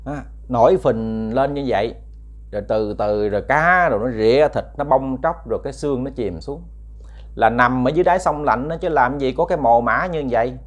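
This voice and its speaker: Patient old village exorcist, read by a male storyteller, calm and measured. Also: mid-range voice, muffled recording, natural voice. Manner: measured coaxing questions.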